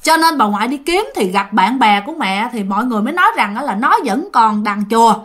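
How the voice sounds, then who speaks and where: A woman tells a ghost story, chatting straight to her listeners. Her voice sits high and rises and falls in lively swings, full of expression. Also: fast talker. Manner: animated, addresses listeners directly. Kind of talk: casual spoken ghost story to an audience.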